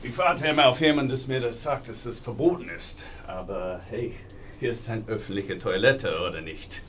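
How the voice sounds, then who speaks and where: An actor voices a homeless man among street noise and passing vehicles, a proud, easygoing sanitation worker in Detroit, for a naturalistic radio drama done as a documentary interview. His natural, medium-pitched voice moves at a moderate pace, matter-of-fact and plain-spoken, in slightly broken German grammar.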